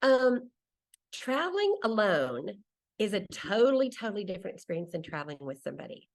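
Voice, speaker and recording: Her mid-range voice swings widely in pitch as she talks briskly: a native English-speaking woman in her sixties, a solo traveler being interviewed. She tells stories in a casual, conversational way, frequently cutting herself off and acting out quotes.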